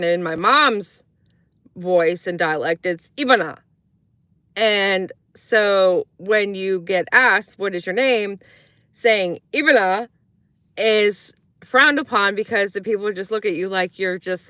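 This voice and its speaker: A live streamer from Croatia tells casual stories to her chat, taking it slowly in a mid-range, sharp-toned voice with no echo. She meanders with lots of fillers and imitates the voices of people in her tales.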